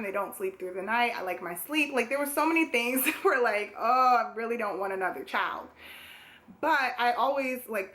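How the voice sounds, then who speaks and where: A woman's voice: mid-range voice, pushed and bright. A young woman vlogger casually telling a personal story to camera, chatty, with many fillers and small laughs.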